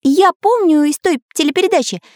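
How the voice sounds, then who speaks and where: A woman voicing an excitable young male artist in a children's audiobook, speaking high and eager. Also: fairly quick, dry recording, studio quality.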